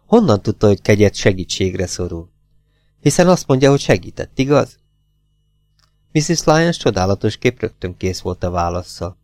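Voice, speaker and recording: Low-voiced man reading an audiobook. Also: very animated, darkish tone, no echo, studio quality. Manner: measured, composed reading. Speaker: audiobook narrator.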